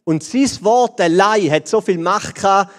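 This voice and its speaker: A man with a Swiss German accent giving a playful, animated children's sermon, talking straight to the kids. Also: sits high, measured pace. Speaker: preacher. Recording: long reverb of a large hall.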